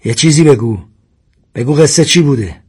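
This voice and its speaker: A man voicing a scornful grown man who speaks loudly and dismissively, with a husky tone. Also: a little high, voice pushed up. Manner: loud, dismissive.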